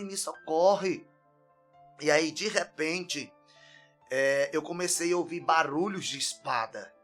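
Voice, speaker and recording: A man tells his personal testimony, earnest and close to tears, his voice lifting into loud cries at its peaks. His pitch sits a little high for a man. Faint music plays behind him. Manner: earnest, tearful, grows loud when recounting. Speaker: podcast guest.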